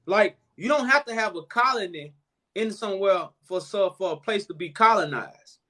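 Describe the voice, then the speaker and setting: A man's voice: high-pitched, lively intonation, moderate pace, pushed and bright. A man hosting a live chat, preaching and explaining at length, calling the listener "brother man". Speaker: host.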